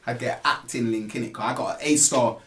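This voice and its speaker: A man's voice: medium pitch, fast, fairly bright tone. A man with a Nottingham accent, a rapper giving a casual interview in street slang, often tagging his phrases with questions. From Nottingham, England. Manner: repeatedly tags phrases with "you get me" and "innit".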